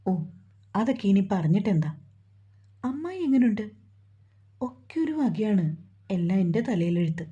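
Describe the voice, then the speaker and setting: A gentle, sorrowful young woman in a romantic storybook, speaking softly, as a woman reads her lines. The voice is very husky and breathy, with a dark, mellow tone on a dull lo-fi recording. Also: mid-range voice, lively intonation, moderate pace, long pauses. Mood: sad. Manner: soft, sorrowful.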